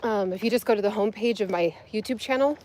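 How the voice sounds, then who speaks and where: A woman's voice: mid-range voice, fast talker, darkish tone. A woman fitness vlogger chatting casually with live viewers while climbing a steep hill outdoors, breathing hard and full of fillers. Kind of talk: casual livestream chat while hiking.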